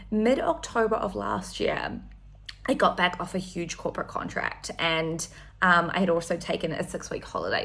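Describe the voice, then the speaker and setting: A woman's voice: mid-range voice, vocal fry, fairly bright tone. A woman in her thirties, from New Zealand, chatting enthusiastically in a casual one-take vlog with frequent ums. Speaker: vlogger.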